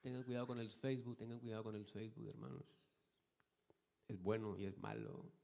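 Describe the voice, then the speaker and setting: A man preaching a sermon as pastor, swinging from loud exhortation to soft, hushed storytelling and repeating rhetorical questions to his congregation. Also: fairly low pitch, steady tone, a little fast, vocal fry.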